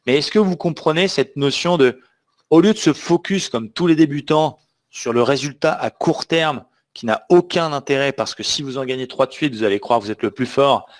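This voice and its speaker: Running a live trading webinar online, a man talks emphatically at normal speed in a mid-range voice. As the trainer, he frequently poses questions to check that his audience understands.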